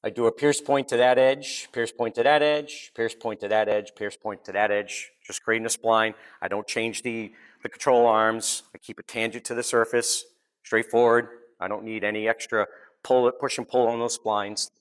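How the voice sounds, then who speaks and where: Man, Boston accent, lowish voice, easygoing step-by-step demo, conference room. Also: moderate pace. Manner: relaxed, joking, step-by-step. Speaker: presenter. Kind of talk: live technical demo.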